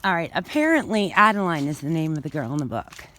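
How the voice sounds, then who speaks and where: A woman's voice: sits low, sing-song, quick pace, fairly bright tone. A woman casually walking through an outdoor cemetery in winter and filming on her phone. She is a little out of breath and thinks aloud as she talks, with many fillers. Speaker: author giving a tour.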